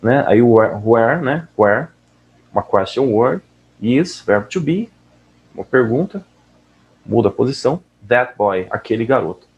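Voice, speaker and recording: A man teaching English listening in a casual, relaxed way, often checking in with the listener. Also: medium pitch, a little slow, lo-fi sound, a little hiss or hum. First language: Portuguese. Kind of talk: casual explanatory lesson.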